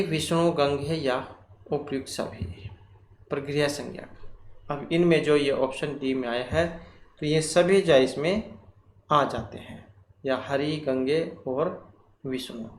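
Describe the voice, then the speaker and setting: A man teaching Sanskrit grammar for exam preparation. He works through quiz questions slowly and deliberately, asks himself questions and repeats the key terms. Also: fairly high pitch. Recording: echoey room, faint ambient noise.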